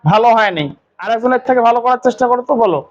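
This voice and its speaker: A man teaching an English pronunciation lesson to a class, quizzing students with quick questions. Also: extremely high pitch, lively intonation, highs cut off.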